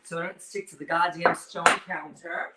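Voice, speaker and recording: A man on the higher side of the pitch range keeps a steady tone and moderate pace while hosting a relaxed live cooking demonstration, mixing cheeky innuendo with campy, playful drag queen banter. Faint noise and roomy echo fill the indoor kitchen with its stone counter, and the mic sits at a distance.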